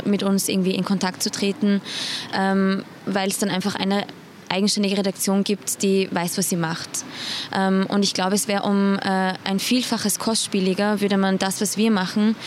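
Young woman journalist, lots of ums, flat even voice, bit of hiss. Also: mid-range voice. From Iran. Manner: hesitant, many fillers. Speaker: investigative journalist. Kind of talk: interview answers.

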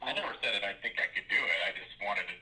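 Bright-toned man calling in by phone. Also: on the low side, lively intonation, racing. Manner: joking, playfully defensive. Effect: heard over a phone on speakerphone. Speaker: caller on a podcast. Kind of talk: casual chat.

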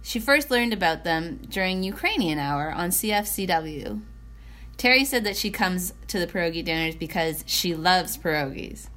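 A woman's voice: lowish voice, lively intonation, normal speed, sharp tone. A young woman co-hosting a podcast who tells of a dinner outing in a dry, wry way. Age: young adult. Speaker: podcast co-host.

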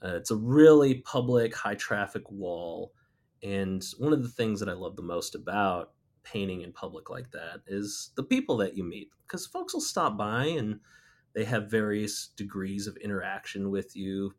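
A middle-aged man with a fairly low voice tells a personal story from his mural-painting days. He talks casually and loosely, with lots of "uh" and "you know" and false starts as he gathers his thoughts. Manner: relaxed, rambling, frequent fillers and restarts.

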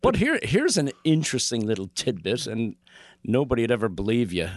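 A man's voice: medium pitch, big pitch swings, fairly quick, no echo, clean studio sound. A man from Galway with a west of Ireland accent, chatting and telling stories as a podcast guest in a wry, joking, sweary way. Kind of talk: casual chat, storytelling.

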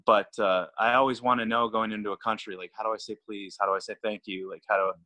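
This throwing coach speaks quickly in a lowish, steady voice with a pushed, bright quality. Chatting casually on a podcast, he laughs easily, stammers and tends to repeat his words.

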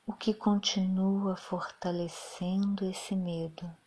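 Slow, soft-spoken meditation guide woman. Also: medium pitch, little pitch movement. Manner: slow, soft and soothing, often half-whispered.

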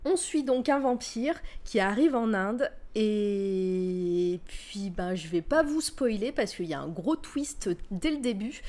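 Young woman co-host, casual live-stream talk, lots of hesitations, mid-pitched voice. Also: animated, slow, hardly any pauses, darkish tone. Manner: hesitant, many fillers and restarts. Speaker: co-host of a web radio stream. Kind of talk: casual live-stream chat, book recommendation.

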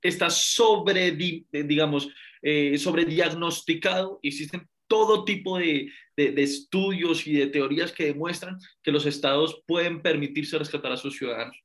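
A man's voice: a little high, moderate pace, a bit bright. A man with a Colombian accent, explaining political points emphatically as a podcast guest.

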